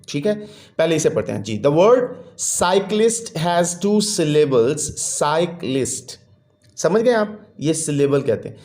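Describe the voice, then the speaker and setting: Guy teaching kids, kinda high voice, reads the english slow then explains it, keeps talking to the class. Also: a little mellow. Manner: keeps addressing the children as he goes.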